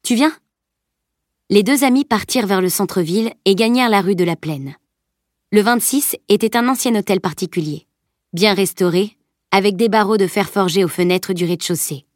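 A woman narrating an audiobook in a calm, steady storytelling voice at a middle pitch. The recording is dry and close, with no room sound at all. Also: fairly quick, dry recording. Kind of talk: scripted narration.

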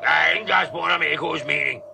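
An actor playing a gruff, hard-drinking ship's captain who bellows strings of insults, in a radio play. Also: male voice, fairly high pitch. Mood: grumpy. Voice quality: gravelly. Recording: noisy old radio-play recording.

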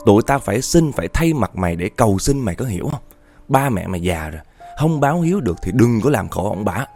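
A storyteller speaks as stern family elders lecturing a wayward relative. The voice is low, dark and lively in pitch. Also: male voice, fast, soft background music. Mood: scolding. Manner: scolding, lecturing.

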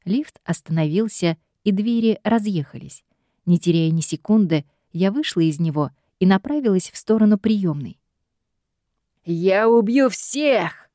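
A woman's voice: fairly low pitch, expressive, moderate pace, warm tone, no echo. Woman narrating a story, dry close sound. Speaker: audiobook narrator. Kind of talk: first-person story narration.

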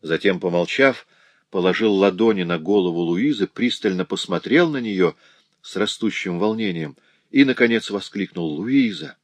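A man narrating a novel as an audiobook reader, measured and slowing in tense moments. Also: low voice, no room sound.

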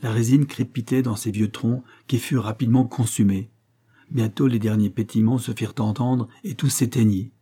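A man narrating an audiobook in a measured, dramatic reading. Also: mid-range voice, steady tone, dark tone, slightly rough.

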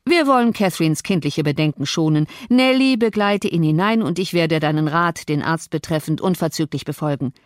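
A woman's voice: sits low, moderate pace, few pauses, dry recording, studio quality, lightly acted. A woman reading an audiobook, voicing a brooding, cruel male landowner who gives cold, sarcastic commands. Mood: mocking.

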